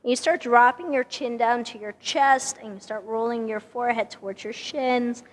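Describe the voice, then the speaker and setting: A woman with a hoarse, partly lost voice leading a Pilates class, calmly cueing each breath and movement. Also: a little high, normal speed, in a large hall. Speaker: Pilates instructor. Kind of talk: guided exercise instruction. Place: exercise studio.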